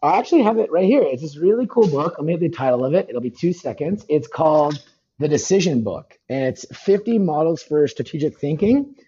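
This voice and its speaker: A man talking fast as a podcast guest, rambling with lots of fillers and restarts. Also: fairly high pitch, expressive, dark tone, highs cut off. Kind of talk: casual podcast conversation. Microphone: phone call.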